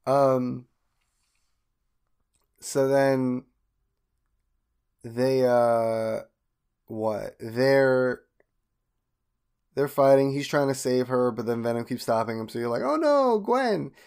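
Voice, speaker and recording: A man's voice: very slow, pauses often, clear, resonant tone. Young man animatedly recapping a cartoon. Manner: animated retelling, acting out quoted lines with sudden high-pitched voices. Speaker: podcast co-host. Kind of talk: casual chat recapping a cartoon.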